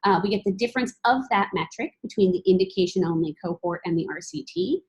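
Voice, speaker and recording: A woman presenting research as a PhD candidate, explaining it in a measured, formal and methodical way. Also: lowish voice, highs cut off.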